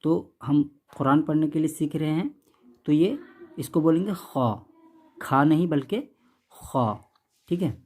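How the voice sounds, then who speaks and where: A man teaching how to read the Quran, saying each letter sound slowly and more than once, contrasting thin and heavy sounds, and checking in often. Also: on the high side, mellow. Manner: patient, repeats each sound, keeps asking "okay?".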